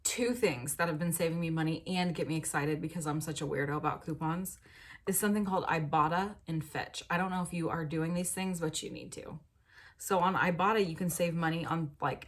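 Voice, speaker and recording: A woman's fairly low voice moves briskly as she rambles chattily about saving money for her lifestyle vlog. She's self-deprecating and leans on fillers such as "like".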